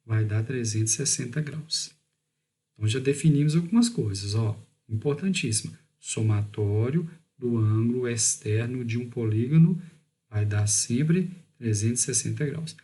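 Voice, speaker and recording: This recorded math lesson comes from a man with a Brazilian Portuguese accent and a mellow, medium-pitched voice. He lays out each step, lingers slowly on key words, and checks in with "beleza?".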